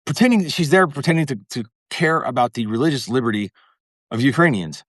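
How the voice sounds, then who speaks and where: A man's voice: medium pitch, animated, fast talker, fairly bright tone, dry recording, studio quality. A man talking as a guest in a casual interview, rambling and restarting his sentences, swearing now and then.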